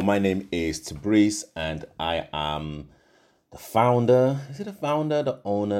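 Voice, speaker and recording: Speaking in a bass voice with a darkish tone, a middle-aged Yorkshireman from England chats on his own casual podcast. He rambles, filling gaps and frequently correcting himself.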